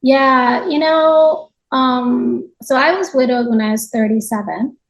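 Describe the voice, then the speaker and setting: This woman from Japan, a yoga teacher, is interviewed on a podcast and tells a thoughtful personal story in a chatty way with frequent small digressions. Her voice sits high and she never hurries.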